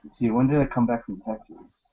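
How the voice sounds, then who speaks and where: A man's voice: mid-range voice, a little fast, husky, lo-fi sound. A young man chatting casually in a group with laid-back, slangy, profanity-laced delivery. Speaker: motovlogger in a group hangout.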